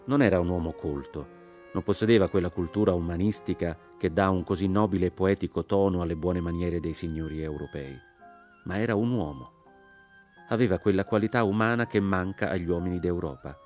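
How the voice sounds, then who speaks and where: A man reading a literary audiobook aloud, dry, ironic and deliberate in delivery. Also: low voice, a little mellow, faint music behind. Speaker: audiobook reader.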